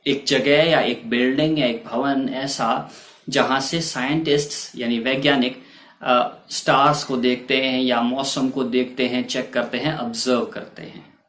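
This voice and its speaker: A man teaching English vocabulary and pronunciation in a bilingual lesson, explaining slowly and repeating key words with stress. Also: mid-range voice, fairly even intonation, a bit bright, roomy sound.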